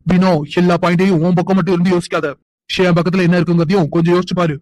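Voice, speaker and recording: A man voices a young cartoon man who speaks quickly in a flat, even tone. He pleads and apologizes to his partner. The sound is dry and close to the mic. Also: high voice, no room sound, natural voice. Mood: defensive. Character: young man Karthik, remorseful fiancé. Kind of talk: cartoon dubbing.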